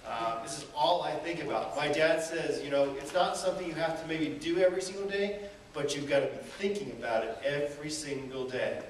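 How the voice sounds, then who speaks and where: A man's voice: a little high, brisk. A man giving a live seminar talk, telling stories and asking the audience rhetorical questions with lots of energy. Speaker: motivational speaker. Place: event hall. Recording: echoey room from far off, faint noise.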